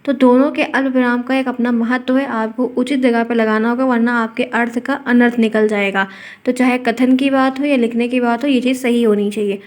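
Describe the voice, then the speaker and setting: A young adult woman teaching an exam-prep class, explaining patiently, repeating key points and mixing in English words. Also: fairly high pitch.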